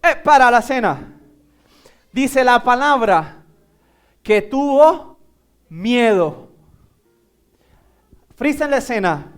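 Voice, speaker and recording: A man's voice: extremely high pitch, extremely slow, pauses often, clean tone, soft background music. A man with a Puerto Rican Spanish accent preaching a sermon as pastor, telling a Bible story while directing volunteers who act it out. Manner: animated storytelling, acting out a Bible scene with volunteers.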